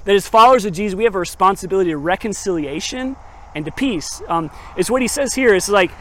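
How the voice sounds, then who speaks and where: Man, casual sermon, conversational, rhetorical questions, high voice. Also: lively intonation, fast, fairly bright tone, a little hiss or hum. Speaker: pastor. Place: on location at a chapel.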